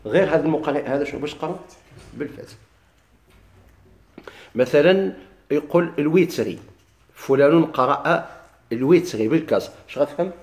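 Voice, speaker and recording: A man with a Moroccan Arabic accent explains a classical text to his students, asking them questions and answering them himself, and he chants the quoted verses slowly. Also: a little high, animated, darkish tone, reverberant. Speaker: teacher of Quran recitation.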